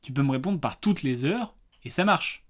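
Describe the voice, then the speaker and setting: A man's voice: fairly high pitch, animated, moderate pace. A man hosting a casual film review podcast, in plain everyday speech. He talks in a loose, chatty way, stumbling through hesitations and fillers. He runs little quiz games with a playful, teasing edge. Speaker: podcast host.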